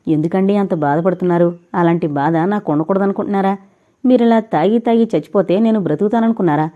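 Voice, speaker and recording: A woman's voice: mid-range voice, quick pace, phone-quality sound, lightly acted. A woman voicing a tearful, pleading young married woman in an audio novel, speaking through sobs. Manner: sobbing, pleading. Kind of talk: audiobook character reading.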